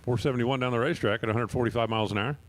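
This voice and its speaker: Man, drag strip announcer, chatty jokes, middle pitch, car sounds behind. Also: fairly even intonation, racing. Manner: joking, chatty between runs. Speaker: track announcer. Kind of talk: drag race commentary.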